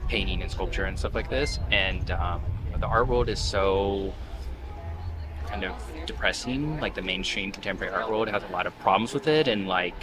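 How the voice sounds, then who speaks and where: A man talking informally in a casual interview, in a halting way. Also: low voice, over music. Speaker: artist and panel speaker. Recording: clear urban outdoor background noise.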